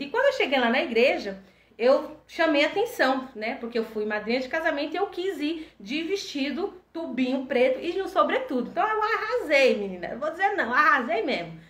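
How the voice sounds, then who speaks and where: A woman in her forties chatting casually and telling stories with animated energy. Her voice sits high and bright, and the echoey room around her gives it a ringing tail. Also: a little fast. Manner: animated, chatty, lively reenactments. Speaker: entrepreneur and host. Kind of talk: casual storytelling chat.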